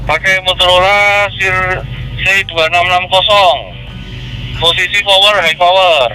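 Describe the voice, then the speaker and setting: A man answering over a handheld two-way radio, reading call signs in brisk radio procedure and ending his turns with "over". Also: high voice, fairly even intonation, bright, forceful tone, faint music behind, poor audio. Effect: heard over a handheld two-way radio. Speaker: amateur radio operator on the other end.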